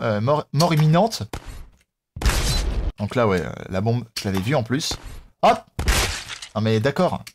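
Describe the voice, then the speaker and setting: A man hosting a gaming video, excitably commenting on his play, shouting at the game and joking with the characters on screen. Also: medium pitch, noisy background. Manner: jokey, talks to the characters on screen.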